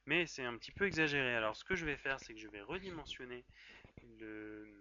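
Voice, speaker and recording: A man with a French accent hosting a screen-recorded software tutorial, chatty and playful, with fillers and self-corrections. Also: mid-range voice, lively intonation, a little fast. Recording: dry, slightly dull lo-fi voice-over.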